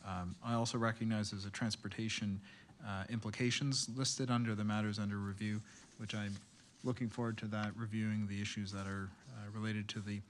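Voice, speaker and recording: Male councillor, low and flat, measured and hesitant, faint hiss behind. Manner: measured, hesitant, many fillers. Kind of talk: council meeting remarks.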